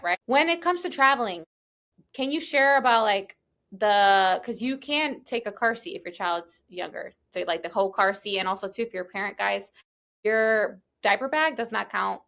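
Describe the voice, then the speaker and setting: A woman co-hosting a podcast, chatting casually, asking questions and sharing quick tips. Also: on the high side, bright, forceful tone.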